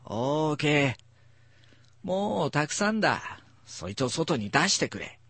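A man voicing a grumpy, cat-hating husband who talks in a gruff, blustering way. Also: medium pitch, lively intonation, a little slow, fairly bright tone, no room sound, full character voice. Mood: grumbling.

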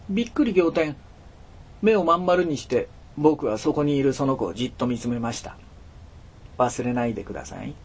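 A man narrating a storybook in an expressive, dramatic storytelling manner with a husky voice. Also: medium pitch. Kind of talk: storybook reading.

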